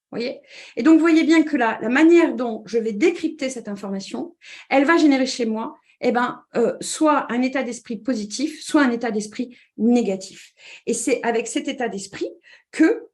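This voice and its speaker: A woman with a slightly high voice explains ideas as a communication trainer. She talks with many fillers and restarts. She keeps checking that her listeners are following. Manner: checks in with listeners with repeated 'd'accord?'; hesitant restarts with frequent fillers. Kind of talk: explanatory talk.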